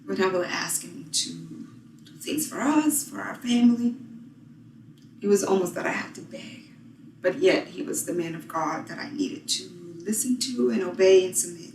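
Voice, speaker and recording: Woman in her forties, measured testimony, distant echoey recording. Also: mid-range voice. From Honduras. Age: 40s. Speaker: abuse survivor interviewee. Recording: roomy, from off-mic.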